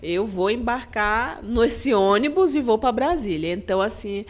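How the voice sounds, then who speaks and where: A woman's voice: fairly high pitch, animated, unhurried. Middle-aged woman from Maranhão, Brazil; earnest interview guest, storytelling manner. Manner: earnest, storytelling, frequent "né?" tags. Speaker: guest, government agency head. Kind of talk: podcast interview.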